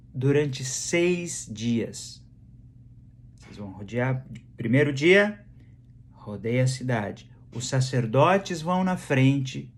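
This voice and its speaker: A man with a Brazilian Portuguese accent preaching a sermon in a conversational way, repeating phrases for emphasis. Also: mid-range voice. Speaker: pastor.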